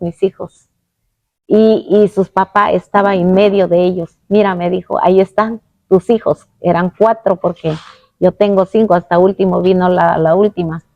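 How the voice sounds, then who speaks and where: A woman telling a personal faith testimony, earnest and halting, with many restarts. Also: medium pitch, dry recording, phone-quality sound. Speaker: guest giving a testimony.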